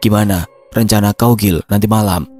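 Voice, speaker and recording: A blunt teenage schoolboy who mocks his friends, as a male storyteller plays him. The voice is low and mellow, and faint music sits behind it. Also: fairly even intonation, normal speed, natural voice. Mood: mocking.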